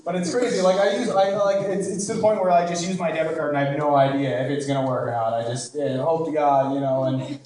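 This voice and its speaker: Young male stand-up from Canada, crude and rambling, high voice, live club sound from a distant mic. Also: steady tone, fast, darkish tone. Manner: rambling, crude, self-deprecating, many "like" and "you know" fillers. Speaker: stand-up comedian. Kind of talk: stand-up comedy set. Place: comedy club. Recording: echoey club, distant mic, crowd laughter.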